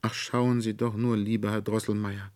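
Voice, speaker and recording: A man voicing an excited little girl in a storybook reading, with high, eager, breathless exclamations. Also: moderate pace, no echo, studio quality, natural voice. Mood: delighted.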